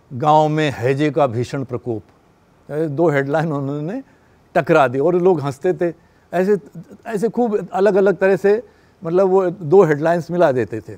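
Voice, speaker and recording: A man lectures a class on radio production in a steady, explanatory way, often pausing to check that his listeners are following. His voice sits a little high but sounds warm and mellow.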